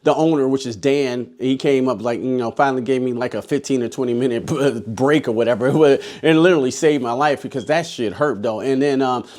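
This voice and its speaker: A man's voice: mid-range voice, fairly quick, hardly any pauses, a little mellow. A man in his forties, a haunted house scare actor, telling stories in a rambling, profane way with many restarts. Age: 40s. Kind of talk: casual storytelling vlog.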